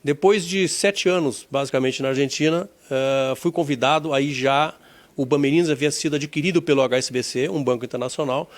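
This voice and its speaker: Reflective older Gaúcho businessman. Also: on the high side. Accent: Gaúcho Brazilian Portuguese. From southern Brazil. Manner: measured, repeats words while searching for them. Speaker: insurance executive interviewee. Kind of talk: reflective career interview.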